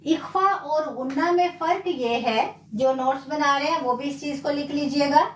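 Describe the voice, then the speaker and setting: A woman's voice: high-pitched, moderate pace, roomy sound, recorded from a distance, a little hiss or hum. A woman teaching a live online Quran recitation lesson, patiently explaining rules step by step and drilling letters one by one. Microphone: live stream.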